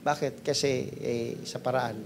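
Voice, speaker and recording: Filipino pastor preaching with rising emphasis. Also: male voice, flat delivery, a little slow, gravelly, noisy background. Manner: switches between Tagalog and English, playful and teasing; rises loud and high for emphasis, drops to quiet asides. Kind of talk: sermon.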